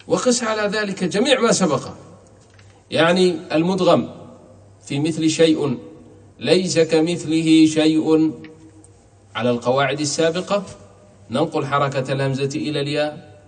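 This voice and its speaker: Male recitation teacher, mid-pitched, demonstrates examples slowly. Recorded from afar in a reverberant hall. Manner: repeats examples slowly, demonstrating each pronunciation. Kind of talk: explaining tajweed rules with recited examples. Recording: distant mic in a reverberant hall.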